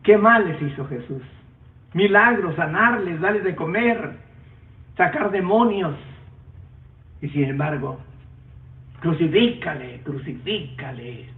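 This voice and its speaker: A man preaching a sermon with emotional swings from loud emphatic peaks to low quiet passages. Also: animated, measured pace, long pauses. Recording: echoey phone-like recording from far off.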